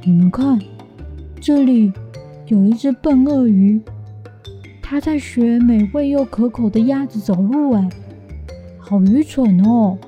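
A woman's voice: on the high side, dull audio. A woman voicing a sly, mocking bad crocodile from a children's storybook, drawing out the words in a taunting way. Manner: slow, taunting, drawn-out delivery. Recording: music behind the voice.

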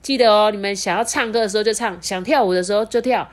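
Speaking quickly in a mid-range voice, a woman with a Taiwanese Mandarin accent shares stories and chats on her children's podcast. A mother, she addresses her young listeners directly and expressively, her pronunciation slightly slurred and non-standard.

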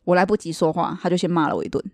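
A young woman, chatting casually and telling animated stories, often laughing. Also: racing, vocal fry, no echo, clean studio sound. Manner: animated, laughing often, quoting people in a lower voice. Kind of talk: casual chat, storytelling about ex-boyfriends.

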